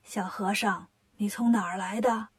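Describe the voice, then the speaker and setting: A woman voicing a frightened, kindly old grandfather in a children's storybook tale, speaking slowly and softly. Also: medium pitch, fairly even intonation, breathy edge, voice pushed down, natural voice. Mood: fretful.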